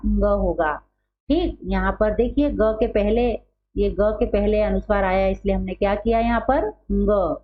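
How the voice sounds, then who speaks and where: A woman teaching a grammar lesson, who poses questions to the class and answers them herself, repeating key terms. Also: mid-range voice. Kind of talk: Hindi grammar lesson, explaining at a board. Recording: dull lo-fi recording with faint hum.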